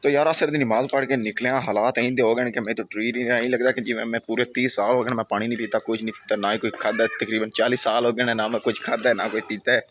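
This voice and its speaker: A man's voice: mid-range voice, steady tone, quick pace, hardly any pauses, fairly bright tone. A man with a Punjabi accent vlogging casually about his village day, chatty and joking, often urging viewers to subscribe. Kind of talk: casual vlog talk to camera. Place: outdoors in a village, walking. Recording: noisy outdoor phone recording.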